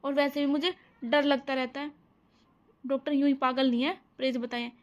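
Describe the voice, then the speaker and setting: A woman voicing an overworked young pregnant daughter-in-law in a cartoon family drama, soft-spoken and complaining. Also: sits high, level tone, moderate pace, lo-fi sound, lightly acted. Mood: worried.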